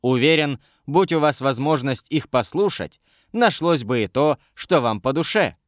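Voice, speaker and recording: A man reading an audiobook, voicing a young royal adviser who speaks in a courteous, measured way. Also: mid-range voice, animated, no room sound, clean studio sound, close to an everyday voice. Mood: polite.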